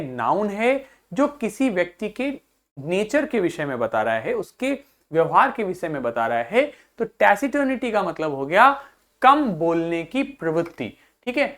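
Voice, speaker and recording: A patient woman teacher explains word meanings to school children and goes over each point several times. Her pitch rises and falls a great deal from phrase to phrase. She spells suffixes out letter by letter. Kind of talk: online vocabulary class for school children.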